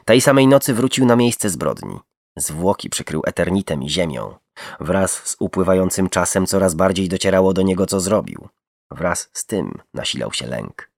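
A man's voice: low-pitched, creaky, no room sound, studio quality. A man narrating a true crime story dramatically. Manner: dramatic, shifts tone for quoted speech.

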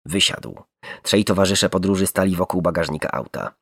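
A man's voice: sits low, moderate pace, fairly bright tone, slightly rough, no echo, clean studio sound. A man narrating a true crime story dramatically. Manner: dramatic, shifts tone for quoted speech.

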